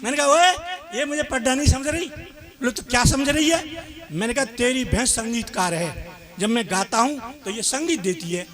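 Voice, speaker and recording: A man's voice: very high-pitched, moderate pace, a bit bright. A man reciting comic poems on stage, in a rhythmic sing-song manner, recorded live with crowd noise. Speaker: comic poet. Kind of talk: stage comedy poem recital.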